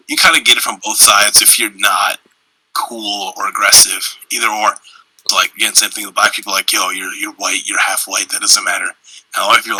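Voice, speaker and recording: A young man co-hosting a podcast, telling stories in a loose, profane, animated way. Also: fairly low pitch, slightly rough, dry recording, low-quality recording. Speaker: podcast co-host. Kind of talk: casual chat.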